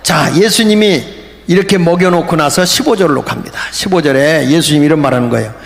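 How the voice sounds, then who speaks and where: Male pastor, fervent revival preacher with a raised, rough voice, recorded in a reverberant retreat hall. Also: fairly high pitch, fairly quick. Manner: fervent, shouting at peaks, jokey asides. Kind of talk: revival sermon. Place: large prayer retreat hall. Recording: echoey hall with faint ambience.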